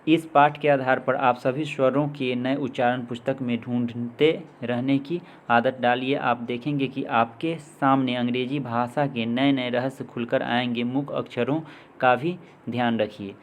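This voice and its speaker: A man teaching an English vocabulary lesson, reading each word slowly and then giving its meaning. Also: medium pitch, steady tone, slight background noise. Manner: slow, deliberate, reads word then meaning. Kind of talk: slow read-aloud vocabulary lesson.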